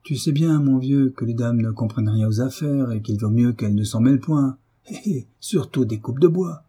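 A man's voice: mid-range voice, lively intonation, fairly quick, mellow, breathy edge. A man voicing a sly, fawning middle-aged bailiff with a honeyed sneer, in an audiobook.

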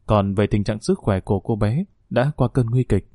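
A calm, measured emergency doctor who cautions a worried family, as a male storyteller voices him. The tone is dark and mellow, and the recording is close and dry. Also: on the low side, dry recording, lightly acted.

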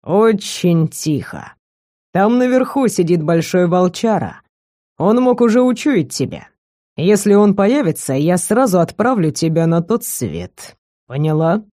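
A woman reading an audiobook, voicing a young male werewolf kidnapper who speaks low, quiet and mocking. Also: expressive, unhurried, no echo, studio quality. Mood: menacing. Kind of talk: audiobook character voice.

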